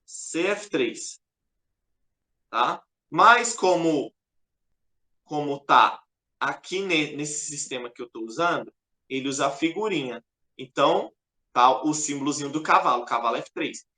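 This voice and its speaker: Brief: man, chess teacher, crisp bright tone, echoey room, patient and repetitive. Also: on the high side, animated, normal speed. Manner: patient, repetitive, keeps pointing things out. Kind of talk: explaining a lesson over a board.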